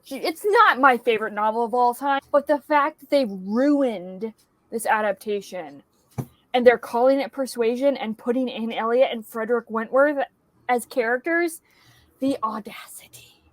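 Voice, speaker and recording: A woman's voice: fairly high pitch, lively intonation, moderate pace, no room sound. A woman hosting a book channel, reacting to a movie adaptation with exasperated, swearing commentary, a bit tipsy from whiskey, over a video call.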